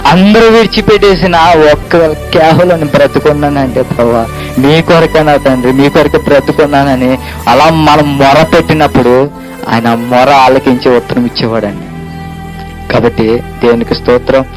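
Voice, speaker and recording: A man's voice: mid-range voice, normal speed, music in the background, poor audio. A man preaching an emotional Easter sermon, retelling the story with pleading, repetitive phrases.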